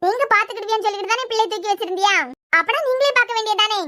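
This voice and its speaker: Cartoon young wife voiced by a woman, high bright voice, quick and defiant, Kanyakumari accent. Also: no echo, studio quality. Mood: sullen. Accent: Kanyakumari Tamil. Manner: low, muttering and defiant. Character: sullen young wife and mother, stubborn. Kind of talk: cartoon serial voice acting.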